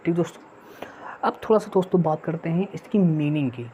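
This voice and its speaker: A woman gives an online exam-prep grammar lesson in a low, mellow voice. She keeps putting rhetorical questions to her viewers and repeats her key points. The recording is dull and lo-fi, with faint hiss underneath. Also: fairly quick. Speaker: English teacher. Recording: dull lo-fi sound with faint noise.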